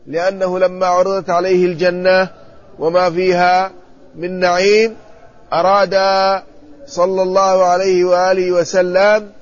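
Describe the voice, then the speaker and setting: A man, an Islamic scholar, giving a measured classroom commentary on hadith and checking the text with his students. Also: sits high. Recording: muffled lo-fi recording with faint ambience.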